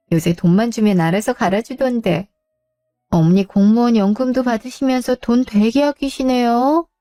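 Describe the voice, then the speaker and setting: A sweetly condescending young daughter-in-law, as a woman puts her on for a radio drama. Her talk is polite but has a needling edge, and her voice sits fairly high with a dark, mellow tone. The sound is dry. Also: no echo, natural voice.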